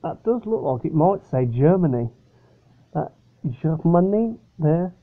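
Man, fairly high voice, chatty and rambling, hesitant delivery, thin lo-fi phone-like audio, bedroom review. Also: expressive, unhurried. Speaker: vlogger reviewing drinks. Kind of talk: casual product review. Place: upstairs bedroom at home. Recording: tinny, phone-like sound.

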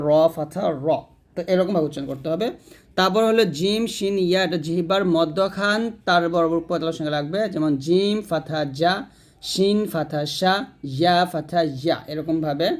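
Patient male tutor, slightly higher voice, drills sounds slowly, explains in quicker bursts. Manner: slow, drawn-out drilling of letter sounds, then quicker explaining; asks and answers his own questions. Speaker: Quran reading teacher. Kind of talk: step-by-step pronunciation lesson.

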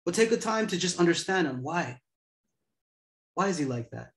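A man's voice: high-pitched, moderate pace, reverberant. Young man giving casual motivational talk. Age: 20s. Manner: laid-back, profane, animated storytelling. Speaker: host.

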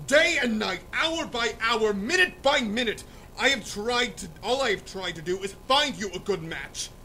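A man's voice: sits high, animated, moderate pace, slight background noise, full character voice, low-quality recording. A man playing a furious blustering father. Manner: blustering, shouting threats. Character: furious domineering father, middle-aged nobleman. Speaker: student actor in a school reading.

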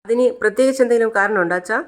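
A woman's voice: a little high, very fast, pitched above the performer's own voice, lightly acted. Woman voicing a sulky, resentful grown daughter. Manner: sulky, complaining, confrontational.

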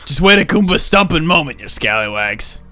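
A man voicing rough, weary pirate sailors from a video game, with a grumbling, exasperated manner. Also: a little high, sing-song, normal speed, sharp tone, faint music behind, voice pushed up, exaggerated voice. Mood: irritated.

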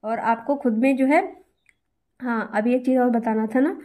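A woman's voice: a little high, fairly even intonation, normal speed, mellow. Woman teacher coaching students on grammar. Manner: reassuring, repetitive, addresses students directly. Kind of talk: exam-prep grammar lesson.

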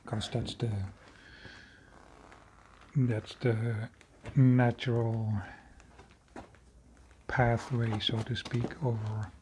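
A man narrating his own cave footage in an unscripted voice-over, slow and halting with many fillers and restarts. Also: medium pitch, flat delivery, noisy background. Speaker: video creator exploring a cave.

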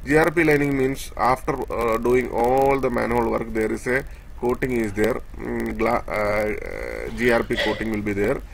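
Pointing around a drawing during a screen-share lesson, this male instructor explains things step by step, hesitating often and leaning on fillers. He has a medium-pitched, creaky voice, and there's a slight hiss or hum.

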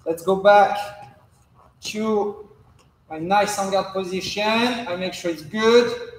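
A young man, a coach, giving calm, measured step-by-step instruction while demonstrating exercises in a large indoor hall. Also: high voice. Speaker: fencing coach. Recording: echoey gym hall, faint background noise.

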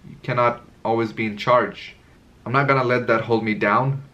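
In a room at home with curtains, a man in his twenties talks to camera without a script, candid and a little rambling as he searches for words and sorts out his thoughts. His medium-pitched voice is bright and forceful, with fairly even intonation and normal speed, though the recording sounds muffled.

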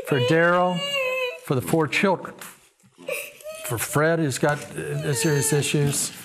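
Slow and creaky, with a voice on the high side, a man in his sixties who works as a pastor and TV host makes an earnest, preaching appeal in an interview. The lapel-mic recording from a small living-room studio set is very noisy.

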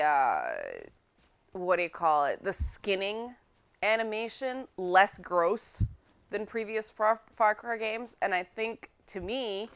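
Smooth-voiced woman doing game commentary. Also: on the low side, a bit bright. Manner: chatty and playful, urging her pets on. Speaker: game presenter. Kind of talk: casual let's-play commentary.

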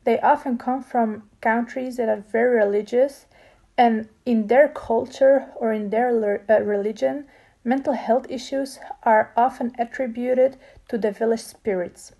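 Young woman with a gravelly, husky voice. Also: on the high side, fairly even intonation, unhurried, warm tone. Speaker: student presenter. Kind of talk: class presentation.

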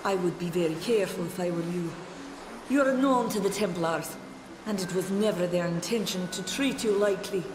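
A woman's voice: fairly low pitch, normal speed, lightly acted. An actress playing a stern, haughty female gnome scholar in a video game, speaking in a formal, imperious manner. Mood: warning. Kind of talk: video game character dialogue. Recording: echoey hall reverb, noisy ambience.

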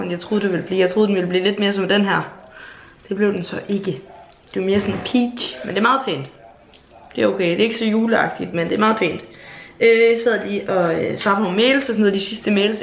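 A late-teen YouTuber from Jutland, Denmark, chats casually in a home vlog filmed on a handheld camera. Her medium-pitched voice is bubbly and gushing, sprinkled with swearing and fillers, and the room sounds echoey.

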